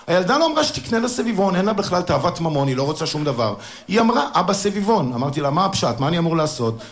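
A middle-aged man telling a stand-up story to a live audience, acting out the people in it. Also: high voice. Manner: animated, acts out other people's voices in quotes. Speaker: stand-up comedian. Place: stage before a live audience.

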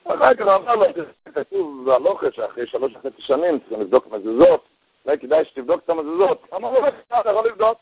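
Gravelly man preaching over tinny radio. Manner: animated storytelling, voice jumping high for quoted characters. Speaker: rabbi giving a Torah talk. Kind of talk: storytelling sermon. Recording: tinny phone-like radio broadcast.

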